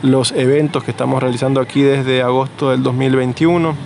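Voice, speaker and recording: An Argentine man being interviewed outdoors, talking in a relaxed, rambling way with fillers and restarts. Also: mid-range voice, a little fast, vocal fry, a little hiss or hum. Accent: Argentine Spanish. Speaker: interviewee, nursery co-founder. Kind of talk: casual conversational interview.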